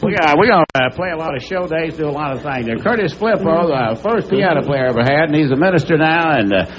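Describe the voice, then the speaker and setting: A man's voice: a little high, lively intonation, fast talker, noisy background. An older man with a Southern accent from Alabama, hosting a folksy live TV farewell show and rambling through old stories. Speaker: host. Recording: dull lo-fi broadcast tape.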